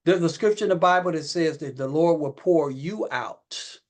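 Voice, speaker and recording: A man with a fairly high voice speaks on a company call like a lay preacher. He repeats his phrases and gets louder and higher as he warms up, mixing business talk with talk of faith. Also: moderate pace. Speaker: network marketing leader speaking on a company call. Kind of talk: motivational pep talk.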